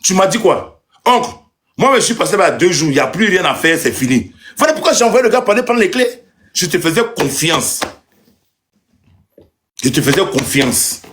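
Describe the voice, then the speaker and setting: Man, angry landlord type, accusing and insulting, voice that rises high and swoops. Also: very animated, moderate pace, fairly bright tone. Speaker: landlord ranting on a live stream. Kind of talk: angry live monologue.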